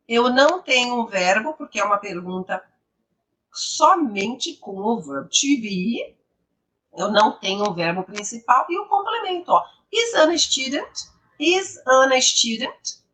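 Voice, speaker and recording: A woman teaching English grammar, explaining slowly and repeating each example sentence with emphasis. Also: a little high, big pitch swings, a bit bright, distant mic.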